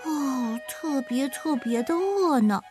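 A woman voicing a big hungry bear in a storybook read-aloud, with a drawn-out, moaning delivery. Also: sits high, expressive, a little mellow, faint music behind.

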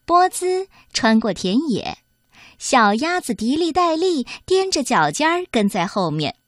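Expressive woman reading a kids' story. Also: high voice, unhurried, no room sound, clean studio sound. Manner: expressive, sing-song. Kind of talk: children's storybook narration.

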